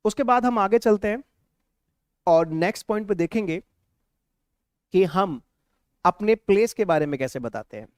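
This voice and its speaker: A man's voice: sits high, lively intonation, normal speed, pauses often, clear, resonant tone, no room sound, studio quality. A man with an Indian accent teaching a live spoken English lesson, switching between Hindi and English, repeating example phrases and reading out viewers' comments.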